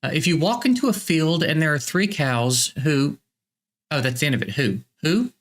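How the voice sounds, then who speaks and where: A man's voice: on the high side, animated, moderate pace, a bit bright. Guy hosting a comedy tweet-reading bit, kinda bemused, voice jumps all over. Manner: bemused, stammering restarts. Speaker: comedy show host.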